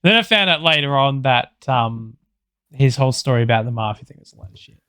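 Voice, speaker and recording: A man's voice: mid-range voice, animated, a little fast, pushed and bright, clear, resonant tone, dry recording. Laid-back Australian man telling a story. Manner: rambling, swears freely, laughs often. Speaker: podcast co-host. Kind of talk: casual chat, storytelling.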